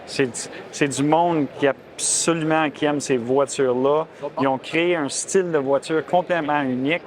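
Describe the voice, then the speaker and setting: A man's voice: a little high, steady tone, moderate pace. A man with a Quebec French accent talking casually and colloquially about cars, with enthusiasm. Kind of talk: casual on-camera car talk.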